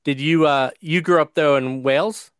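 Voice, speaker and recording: An American man hosting a casual interview, asking halting questions with fillers. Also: fairly high pitch, clean tone, no echo, studio quality. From United States.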